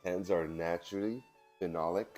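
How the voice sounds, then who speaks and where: A young man co-hosting a casual podcast, relaxed and teasing, laughing easily. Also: low-pitched, a little fast, soft background music. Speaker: podcast co-host. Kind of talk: casual chat.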